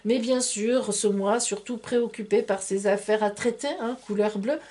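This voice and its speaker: Speaking at a normal speed in a steady, slightly mellow mid-range voice, a tarot reader and astrologer pulls cards for a monthly horoscope. It's a casual reading to camera, playful and chatty, peppered with "hein" and "voilà."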